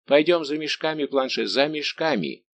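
A man's voice: on the high side, expressive, moderate pace, fairly bright tone, a little hiss or hum, voice pushed up. A man voicing a bold male musketeer who speaks in a hearty, commanding way.

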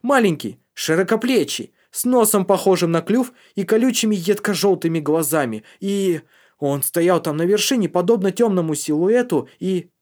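A man doing a shrill, raving drugged boy. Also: moderate pace, close to an everyday voice. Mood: frantic, boastful. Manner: shrill, boastful, frantic shouting.

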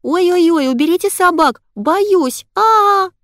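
A woman's voice: high voice, lively intonation, normal speed, no echo, studio quality, pitched above the performer's own voice. A frightened lost little girl. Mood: scared squeal. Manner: whiny, squealing. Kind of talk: audiobook character voice.

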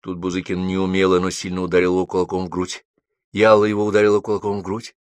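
A man narrating an audiobook in a calm, measured storytelling manner. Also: deep voice, no echo. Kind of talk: scripted narration.

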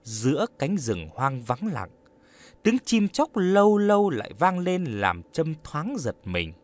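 A man narrating a story in an expressive storytelling manner. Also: a little high, measured pace. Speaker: audiobook narrator.

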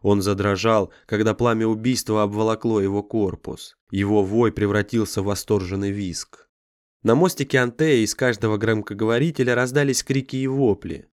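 Low-voiced man narrating a dark sci-fi audiobook. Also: fairly even intonation, normal speed, no echo, studio quality. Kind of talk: scripted dramatic narration.

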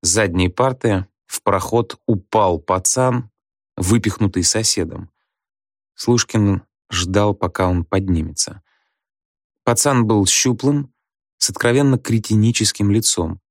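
Low-voiced male audiobook narrator. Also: unhurried, dry recording, studio quality. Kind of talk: scripted narration.

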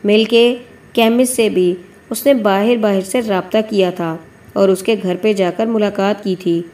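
Woman narrator, novel reading, steady, mellow, dark tone. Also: mid-range voice. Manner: steady storytelling. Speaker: audiobook narrator. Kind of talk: novel read aloud.

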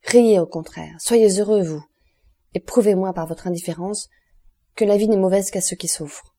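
Lady reading a passionate young guy, sad and impulsive, pitches up and exclaims, audiobook. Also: normal speed, warm tone, lightly acted. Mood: ardent. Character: ardent grieving young man, warm and impulsive.

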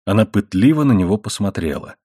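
Male audiobook narrator: husky, lively pitch, measured and expressive, dry close sound. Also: dry recording.

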